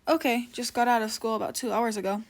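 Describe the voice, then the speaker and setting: A gruff, blunt teenage boy, as a woman reads him in a storybook reading. He talks in short, grumpy, brusque bursts. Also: fairly high pitch, steady tone, fast talker, close to an everyday voice.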